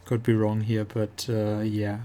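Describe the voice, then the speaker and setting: A man giving casual gameplay commentary as a streamer, halting as he thinks aloud. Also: on the low side, completely flat delivery, dark tone, a little hiss or hum. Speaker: game streamer. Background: game music.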